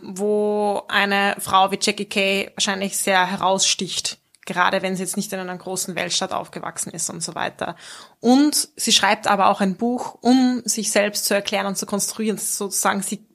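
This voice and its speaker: A woman hosting a book discussion, asking measured questions in an even tone. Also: mid-range voice, creaky. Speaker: host.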